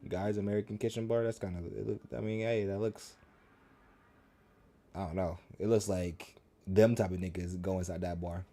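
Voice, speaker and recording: A man with a fairly low voice reacts to a video on stream. He talks casually, cracks crude jokes and laughs often between comments. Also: steady tone, normal speed, dark tone.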